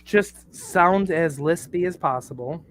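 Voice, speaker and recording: A man's voice: on the high side, slow pace, fairly bright tone, slight background noise. A man chatting casually on a podcast, rambling with lots of "uh" and "like". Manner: rambling, fills with "uh" and "like". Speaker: podcast cast member. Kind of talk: casual chat.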